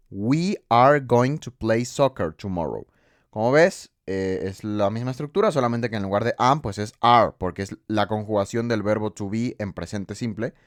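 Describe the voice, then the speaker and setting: A Spanish-speaking man teaching an English grammar lesson, explaining step by step and reading each example sentence slowly twice. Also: mid-range voice, dry recording, clean studio sound.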